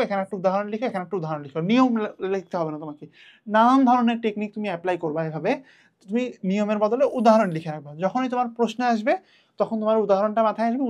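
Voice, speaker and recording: A young man from Bangladesh, giving an online exam revision lesson as a tutor, chatty and addressing the students directly, repeating his points. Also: sits high.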